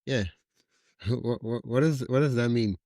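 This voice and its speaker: A man's voice: mid-range voice, measured pace, dark tone, no room sound. A man hosting a podcast interview, enthusiastic and given to hesitant restarts. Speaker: podcast host.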